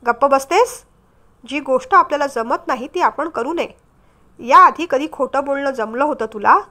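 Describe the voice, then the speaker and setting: A caring but stern young divorced man in a storybook reading, as a woman narrator voices him. He speaks firmly, with concern under the scolding. The voice sits high. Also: moderate pace, pushed and bright.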